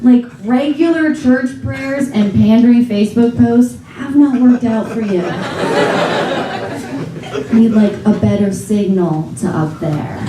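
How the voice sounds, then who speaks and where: A woman's voice: a little high, unhurried, noisy background. A young woman from a small American town doing stand-up comedy on a theater stage, wry and exasperated, often laughing through her lines. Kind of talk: stand-up set. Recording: roomy live venue audio with crowd laughter, taped from a distance. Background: audience laughter.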